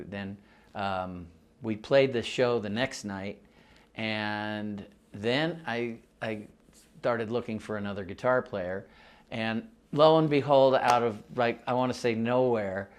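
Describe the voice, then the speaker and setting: With a fairly low, clear and resonant voice, a man in his 60s recalls old stories as a musician being interviewed. Raised between the US and Mexico, he rambles casually through this oral history, often laughing and starting over.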